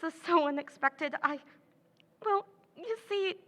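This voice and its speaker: A woman with a very high-pitched voice speaks unhurriedly as a scheming character in a 1940s radio drama. Feigning nervous distress, she stammers, hesitates and pleads in a breathy way.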